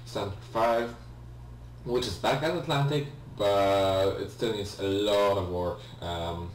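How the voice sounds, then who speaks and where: Speaking on the low side at a measured pace, a young native Polish speaker with a Polish accent comments casually on the game he's playing. He comes across as hesitant and apologetic, with lots of ums and restarts. The let's play is recorded in an echoey room on a distant mic, with a faint hum.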